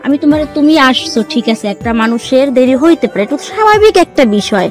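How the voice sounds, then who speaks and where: A young woman plays an impatient girlfriend who keeps scolding. Her voice sits very high and the lines come quick. Soft music runs underneath. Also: big pitch swings. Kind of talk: village drama acting.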